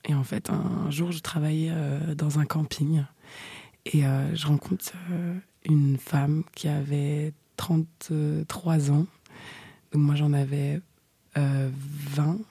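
A young woman telling a frank personal story in casual chat, chatty with many fillers, often dropping into breathy half-whispers. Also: deep voice, little pitch movement, takes it slowly, mellow, no room sound. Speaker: storyteller guest.

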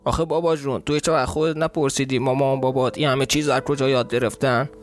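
A man's voice: mid-range voice, fairly even intonation, faint music behind, lightly acted. A man with a southern Iranian accent voicing a huge, hot-tempered male gamekeeper who talks bluntly and indignantly in a storybook reading. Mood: gruff.

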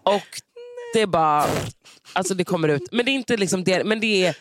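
A young woman telling stories in casual podcast chat, animated and full of fillers and gross-out exclamations. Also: fairly low pitch, slight background noise.

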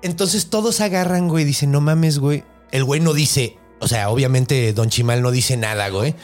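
A man with a Mexican accent telling a horror legend in casual chat, full of crude slang and with quick shifts into voices for the people he quotes. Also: mid-range voice, faint music behind. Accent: Mexican Spanish. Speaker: podcast host, storyteller.

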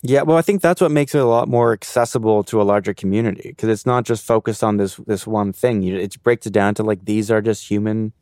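Dry, sarcastic young man, low voice. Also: brisk, few pauses, a little mellow, no echo. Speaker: podcast co-host, son. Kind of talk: joking podcast banter.

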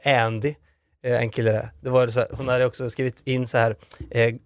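A man's voice: mid-range voice, level tone, no echo, clean studio sound. Hesitant Swedish-speaking podcast host man. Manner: hesitant, many fillers, laughs easily. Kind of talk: casual chat.

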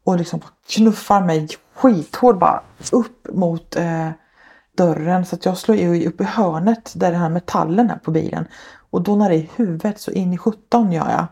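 Low gravelly woman recounting her past. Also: dark tone. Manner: earnest, tells events step by step with many fillers. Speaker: guest, social worker. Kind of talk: personal account in a podcast interview.

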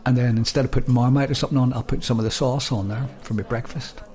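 A man's voice: mid-range voice, fairly even intonation, fast talker, a little mellow. A man co-hosting a podcast, chatting casually and rambling with lots of restarts. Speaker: podcast co-host. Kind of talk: casual chat.

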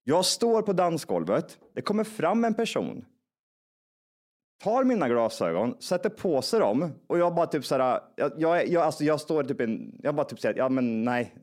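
A young man telling a long story in casual podcast chat, animated and full of swearing, acting out the people he quotes. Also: fairly high pitch.

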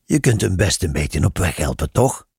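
A man playing a calm, enigmatic storyteller who speaks patiently and gently teases his listeners. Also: low voice, moderate pace, gravelly, breathy edge, no echo, studio quality, exaggerated voice.

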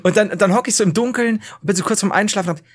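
Male podcast co-host, slightly high voice, rambling animated storyteller, casual chat. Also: racing. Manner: rambling, animated storytelling with laughs and acted outbursts.

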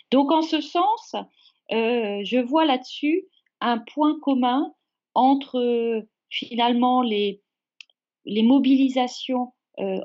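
Woman interviewee, fairly high voice, halting and reflective, many pauses, dull lo-fi sound. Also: a little mellow. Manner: hesitant, many fillers and repetitions, measured. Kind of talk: spontaneous spoken answer. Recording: dull lo-fi recording.

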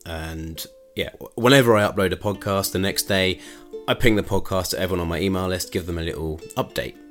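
A man's voice: deep voice, a little fast, a bit bright, soft background music. A man hosting his own podcast in a chatty, rambling way, laughing often and going off on asides. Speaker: podcast host. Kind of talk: casual solo podcast chat.

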